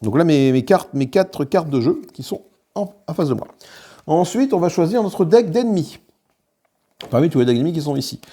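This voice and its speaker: Talking viewers through a solo playthrough on his board game channel, a man explains the card rules while handling components. His voice is on the high side and dark in tone, with lively intonation and a moderate pace, and he uses lots of fillers and restarts.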